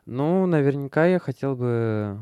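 Mellow man with halting, hesitant speech. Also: mid-range voice, animated, clean tone, no room sound. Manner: hesitant, filler-heavy, halting phrases. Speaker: drag queen podcast guest. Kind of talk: casual chat.

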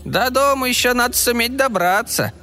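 A man voicing an old, gloomy male fairy who grumbles quietly. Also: very high-pitched, lively intonation, moderate pace, faint music behind, pitched above the performer's own voice, exaggerated voice. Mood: glum. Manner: irritable, then quietly glum.

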